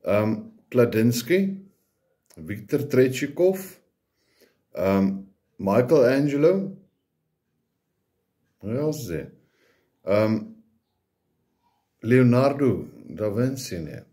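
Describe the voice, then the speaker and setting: Very slow, with long pauses, the man's medium-pitched voice is warm and sing-song. He is a South African whose mother tongue is Afrikaans, preaching in English with that accent in an informal, hesitant way, many phrases ending on a questioning tag.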